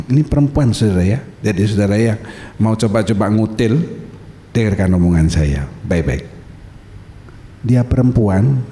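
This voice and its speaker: Male pastor, middle-aged, with a warm, relaxed storytelling sermon voice. The recording is roomy and echoing, made in a church. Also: lowish voice. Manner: conversational storytelling preacher, drawn-out emphatic phrases. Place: church sanctuary. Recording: reverberant church hall.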